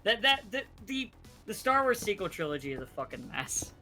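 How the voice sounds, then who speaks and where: Bright, lively man chatting while gaming. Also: high voice, brisk, faint music behind. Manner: swearing, opinionated, stumbling starts. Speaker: co-player. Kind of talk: casual gameplay chat.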